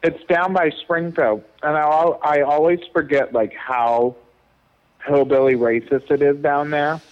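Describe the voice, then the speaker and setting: A man's voice: fairly high pitch, steady tone, a little slow, lo-fi sound. A man from Illinois telling a story on a radio show, indignant and chatty, eating while he talks. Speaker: radio co-host.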